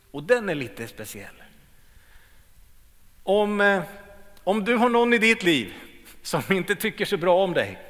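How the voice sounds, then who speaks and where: A middle-aged man preaching a sermon, swinging between loud emphatic lines and quiet low ones. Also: big-room sound.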